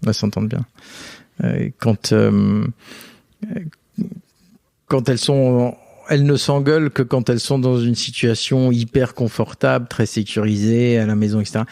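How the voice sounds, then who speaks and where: Man, interview guest, casual storytelling, acts out quotes, middle pitch, dry close sound. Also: normal speed, gravelly, long pauses, dry recording. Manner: animated anecdotes, acts out quoted voices. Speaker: guest, entrepreneur and father.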